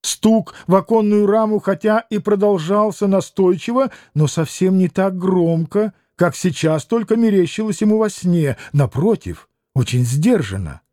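High-voiced male audiobook narrator. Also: lively intonation, a little slow, few pauses, dark tone, dry recording, studio quality. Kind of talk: scripted literary narration.

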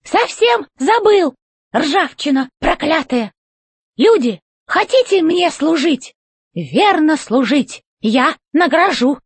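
A shrill, squeaky robot commander, as a woman reader puts him on, rusty and bossy, barking orders in a storybook reading. The voice leaps very high and swings wildly. The sound is dry and close. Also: very animated, slow pace, no echo, exaggerated voice. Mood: pompous commanding. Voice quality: creaky, squeaky voice. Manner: barks orders, shouts.

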